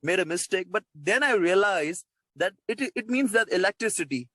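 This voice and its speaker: This man's voice sits high and is expressive, bright and forceful, moving at a normal speed with no echo. He's from Pakistan, speaks Urdu natively and has a Pakistani accent, and he conducts an informal interview with questions that come out hesitant, repetitive and wordy.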